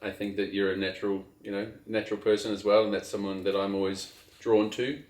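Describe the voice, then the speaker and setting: Interviewed outdoors during a trip, a New Zealand sailing captain in middle age talks in a low, relaxed and unhurried voice. He hesitates, restarts his thoughts and uses many fillers in the casual chat, and the audio sounds roomy with echo.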